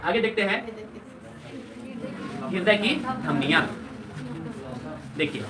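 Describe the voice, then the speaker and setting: A man's voice: sits high, expressive, takes it slowly, a crowd in the background. Guy teaching a class, keeps asking questions and repeating the answers back, echoey classroom, mic kinda far off. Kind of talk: classroom lecture. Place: classroom with students. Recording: echoey classroom, distant mic, students heard.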